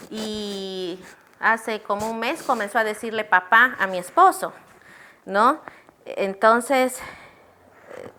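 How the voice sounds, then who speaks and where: A woman's voice: medium pitch, pushed and bright. A middle-aged woman teaching a church class on children's ministry, earnestly asking questions and answering them herself. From Peru. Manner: earnest, asks and answers own questions, addresses listeners as brothers.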